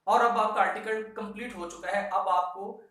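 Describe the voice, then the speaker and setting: A man with a high, slightly bright voice, fairly even intonation, and a moderate pace lectures on law for exam students in a Pakistani accent. He is emphatic, repeats key instructions, and mixes in English terms; the echoey whiteboard room and distant mic make the recording very reverberant.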